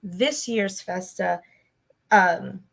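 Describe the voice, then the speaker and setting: A woman's voice: lowish voice, extremely slow, vocal fry, fairly bright tone, poor audio. A woman hosting a casual fan chat over a video call, talking in a chatty, rambling way. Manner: chatty, rambling, laughs often. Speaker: host.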